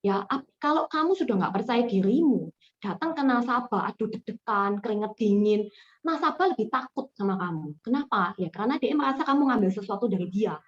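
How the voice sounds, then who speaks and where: A woman's voice: fairly high pitch, a little fast. Woman trainer on a dull call. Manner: lively, addresses listeners warmly as friends, mixes in English words. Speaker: sales trainer. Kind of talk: online training talk.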